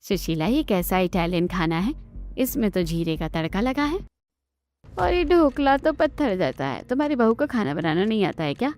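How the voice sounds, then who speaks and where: A woman's voice: medium pitch, sing-song, moderate pace, a little mellow, faint music behind, close to an everyday voice. A woman voicing a snobbish, mocking middle-aged lady friend in a cartoon story.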